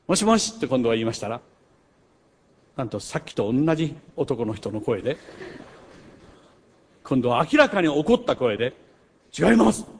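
A man's voice: medium pitch, a little hiss or hum. Older man preaching with big swings. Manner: storytelling with wide swings between loud emphasis and hushed asides. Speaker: pastor. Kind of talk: sermon.

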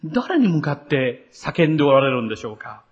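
Earnest man preaching a sermon, lively and animated, muffled lo-fi church recording. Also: a little high, brisk. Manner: earnest, expressive preaching with rising emphasis. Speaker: pastor.

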